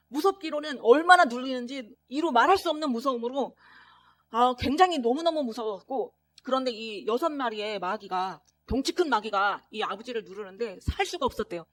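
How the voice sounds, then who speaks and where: A woman preacher telling a story in a sermon, earnest and animated, acting out the voices of the people in it. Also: on the high side.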